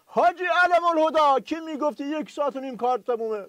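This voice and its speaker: A man's voice: very high-pitched, sharp tone, no echo. A man playing an exasperated questioner in a satirical radio sketch, ranting about the news. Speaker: interviewer in comedy sketch.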